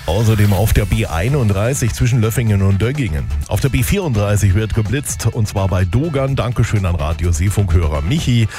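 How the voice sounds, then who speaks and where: A man's voice: lowish voice, expressive, fairly quick, over music. A man hosting a morning radio show, chatty and upbeat, reading traffic and speed camera reports.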